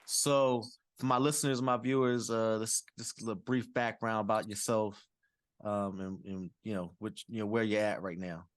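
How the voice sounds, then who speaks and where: A man's voice: fairly low pitch, steady tone, normal speed, no room sound. A man hosting a podcast, interviewing a guest in an easygoing way, with lots of "yeah" and "that's what's up.". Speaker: podcast host. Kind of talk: casual interview.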